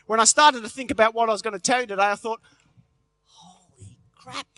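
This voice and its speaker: A middle-aged Australian man works a big conference crowd with quick jokes and stories. His voice sits high and sounds bright and forceful. The sound is close and dry, with no room echo. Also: fairly even intonation. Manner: jokey storytelling, punchy delivery. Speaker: motivational health speaker. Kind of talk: live conference speech. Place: large convention hall stage.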